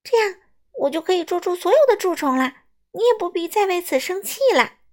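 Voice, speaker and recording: A woman voicing a small, eager young male bat in a storybook reading, high and pleading. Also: expressive, fairly quick, darkish tone. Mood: excited.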